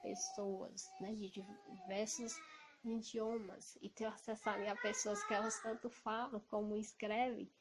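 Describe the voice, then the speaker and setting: A woman from Ceará with a Cearense Brazilian accent, talking loudly and emphatically in an indignant casual monologue to camera. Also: medium pitch, little pitch movement, measured pace. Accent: Cearense Brazilian Portuguese. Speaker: evangelical vlogger. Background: noisy children.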